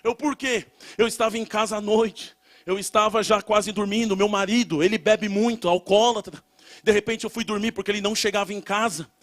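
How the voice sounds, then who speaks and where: High-voiced preacher shouting prayer. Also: male voice, fairly even intonation, brisk. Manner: storytelling testimony rising into loud shouted prayer. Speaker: pastor. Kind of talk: sermon.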